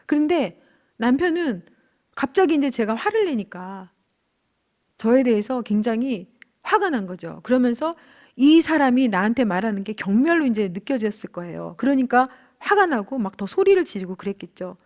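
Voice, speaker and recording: Brief: woman in her thirties, slightly high voice, church marriage-class teacher, earnest and candid, lively when retelling arguments. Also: normal speed. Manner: earnest, candid storytelling with animated quoted outbursts. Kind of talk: church lecture with personal stories.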